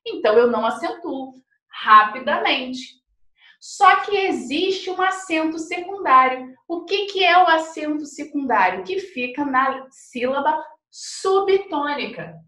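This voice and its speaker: A woman's voice: high voice, pushed and bright. A woman with a Brazilian Portuguese accent, teaching a grammar lesson and asking rhetorical questions as she explains. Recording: echoey room, from a distance.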